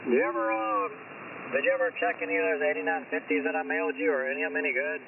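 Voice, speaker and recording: A very gravelly male voice comes through a mistuned ham radio, thin and narrow with loud static. He chats casually in a plain, folksy way, like an operator keeping a friend company on the air. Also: sits high, sing-song, fast talker, distant mic. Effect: mistuned ham radio voice, slightly off frequency.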